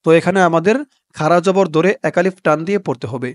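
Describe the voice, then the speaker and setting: Higher-voiced guy teaching a recitation lesson, slow and patient, goes letter by letter, dry close mic. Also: dry recording. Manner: chants the recited words slowly and drawn out. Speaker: religious teacher.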